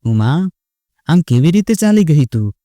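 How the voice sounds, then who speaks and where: A man's voice: a little high, very animated, a little slow, warm tone, no room sound, studio quality. A man doing a grieving old man, choked and pleading.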